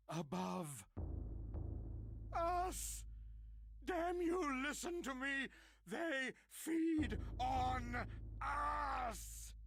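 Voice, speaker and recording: An actor playing a deranged man who raves about monsters, lurching between hoarse whispers and manic shouts in a theatrical horror monologue. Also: medium pitch, a little hiss or hum. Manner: theatrical, archaic turns of phrase. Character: deranged male survivor raving about monsters.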